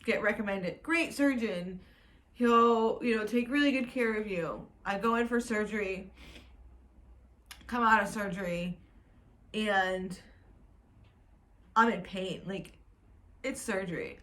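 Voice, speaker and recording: A woman's voice: medium pitch, slow pace, pauses often, fairly bright tone. A woman in her twenties telling her own story at home in a candid, emotional, rambling way. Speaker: vlogger. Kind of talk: personal vlog storytelling. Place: at home indoors.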